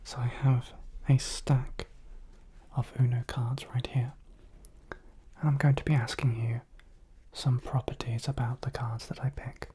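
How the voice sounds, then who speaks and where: A woman doing a soothing whispered role-play as a clinician, guiding the listener softly and close to the microphone. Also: a bass voice, little pitch movement, unhurried, husky. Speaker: ASMR host playing a clinician.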